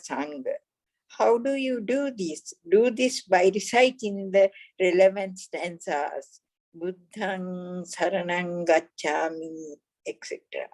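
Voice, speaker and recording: A woman reads Buddhist practice instructions at a very slow, careful pace. Her voice sits a little low, and the recording is dry and close. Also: a little mellow, dry recording, low-quality recording. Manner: slow, deliberate, measured reading. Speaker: Dhamma reader.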